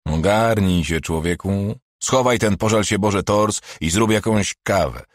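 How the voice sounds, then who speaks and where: A man voicing a gruff, foul-mouthed middle-aged police chief in an audiobook, speaking in a brusque, bossy way. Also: lowish voice, measured pace, no echo, clean studio sound, close to an everyday voice. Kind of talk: audiobook character voice.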